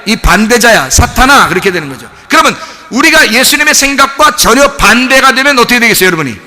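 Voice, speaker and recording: A man preaching a sermon as pastor, animated, asking the congregation rhetorical questions. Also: extremely high pitch, quick pace. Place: church sanctuary. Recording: long church reverb.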